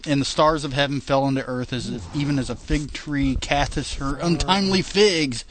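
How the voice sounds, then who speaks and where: A man's voice: on the high side, moderate pace, a crowd in the background. A man co-hosting a casual podcast, reading long scripture passages aloud with stumbles and chatting between them. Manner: reads long passages with stumbles and laughs at the wording. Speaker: podcast co-host.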